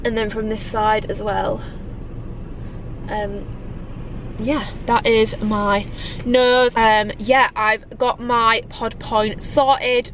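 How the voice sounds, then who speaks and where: A fitness vlogger in her twenties speaks in British English, casually addressing the camera from a parked car and from home, full of likes and ums and slightly nasal from a cold. Her voice is mid-range with a fairly bright tone. The low-quality recording has a little hiss or hum.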